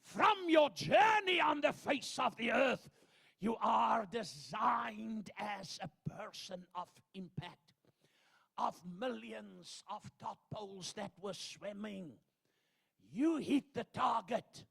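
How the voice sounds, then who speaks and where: An older man from Zambia preaching a sermon, swinging from hushed asides to loud shouted proclamations. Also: high-pitched, expressive, slow, vocal fry, breathy edge. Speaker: pastor.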